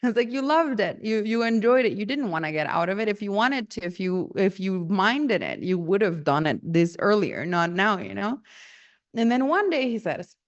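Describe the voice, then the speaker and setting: Woman, casual storytelling, acts out quoted dialogue, laughs often, mid pitch, somewhat muffled sound. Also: expressive, normal speed.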